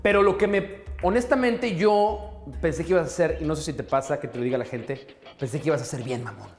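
A man's voice: fairly high pitch, quick pace, roomy sound, faint music behind. A man with a Mexican Spanish accent, a sports commentator telling stories in a casual chat, with mock-pompous asides.

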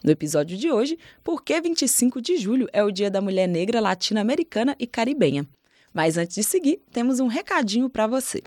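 A woman podcast host delivering scripted narration in a clear, measured way. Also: fairly high pitch, big pitch swings, darkish tone, no echo, clean studio sound. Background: background music.

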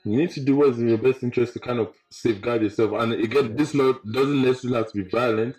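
A man's voice: mid-range voice, fairly even intonation, quick pace, darkish tone. A man with an urban London roadman accent talking casually and slangily, repeating phrases for emphasis. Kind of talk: casual discussion. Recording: roomy, echoey sound.

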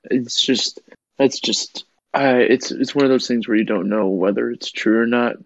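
Gravelly laid-back man on a dull mic. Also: mid-range voice, normal speed. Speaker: podcast co-host. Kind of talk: casual chat.

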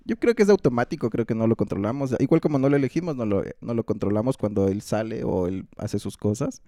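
A man's voice: medium pitch, quick pace, mellow, no echo, studio quality. A young man, co-hosting a crude, casual chat. He swears freely, laughs often and acts out angry quoted rants. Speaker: podcast co-host.

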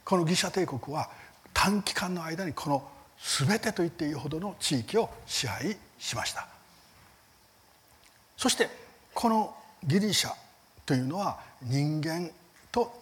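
Lively, emphatic Japanese man teaching. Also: unhurried. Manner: earnest, emphatic teaching with rhetorical questions; lively rises in pitch on key words, soft fading line ends. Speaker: Bible teacher. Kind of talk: church seminar lecture.

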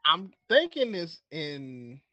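A man with a bright, crisp voice, recorded dry and close. He chimes in with short, laid-back remarks in casual chat. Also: fairly high pitch, wildly swooping pitch, slow, dry recording, dull audio.

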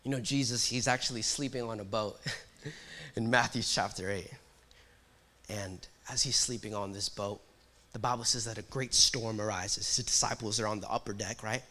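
A young man preaching a sermon as pastor, moving between hushed storytelling and loud, rising exhortation. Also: fairly low pitch, fairly even intonation, normal speed. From Puerto Rico. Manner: dynamic preaching with big swings from hushed to loud.

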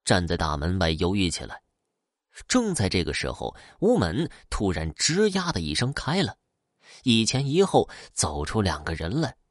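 A man narrating a folk tale in an expressive, lively storytelling manner. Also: low-pitched, normal speed, dry recording, clean studio sound.

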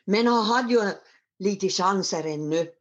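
A woman telling a folktale in a homely, unhurried way and sometimes repeating words. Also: mid-range voice, lo-fi sound. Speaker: storyteller. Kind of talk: folktale storytelling.

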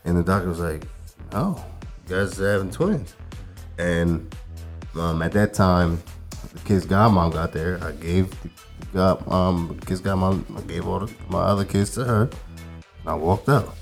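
With a low, unhurried voice, fairly even intonation, and vocal fry, a man in his thirties co-hosting a podcast rambles through a long story. His casual storytelling is relaxed and peppered with fillers and swearing, while faint music plays in the background.

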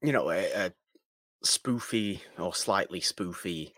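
A British man co-hosts a film podcast, chatting casually with a slightly mock-pedantic, hedging manner. His deep voice is slow and fairly bright in tone, recorded with no echo.

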